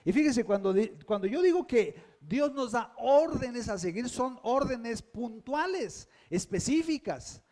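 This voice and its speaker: Male pastor, high voice, emphatic sermon delivery, keeps asking the congregation questions. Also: lively intonation, unhurried, few pauses, a little mellow.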